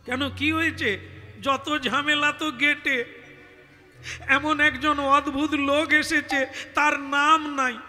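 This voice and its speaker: A blustering gate guard who demands answers and then loses his nerve, as a storyteller acts him out. The voice rings high and bright and moves slowly, and a long hall echo carries it over soft devotional music. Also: level tone, heavily acted. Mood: flustered. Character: flustered, pompous male palace gate guard.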